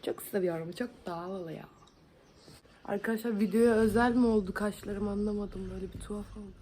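A woman's voice: medium pitch, fairly even intonation, fairly quick, dark tone, slight background noise. A young woman from Van chatting and joking with viewers while doing her makeup at home in a casual vlog. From Van, Turkey. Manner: chatty, joking, self-mocking. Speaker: beauty vlogger. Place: home, indoors.

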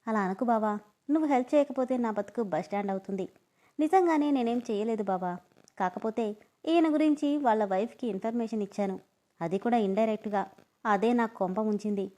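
A woman's voice: a little high, a little fast, mellow, close to an everyday voice. A woman doing a whiny, pleading young man. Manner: pleading, indignant.

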